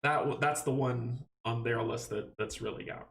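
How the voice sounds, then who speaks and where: Here the young Guyanese live streamer has a creaky, slightly bright mid-range voice with fairly even intonation, speaking at normal speed. He answers viewers' questions casually and cheerfully, rambling and restarting sentences as he goes.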